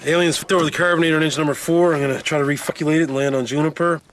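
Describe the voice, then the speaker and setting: A man's voice: on the high side, fairly even intonation, rapid-fire, slight background noise, lightly acted. A man putting on the voice of a male spaceship pilot calling Earth over a CB radio, rattling off call-sign style chatter in a cluttered workshop. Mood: playful.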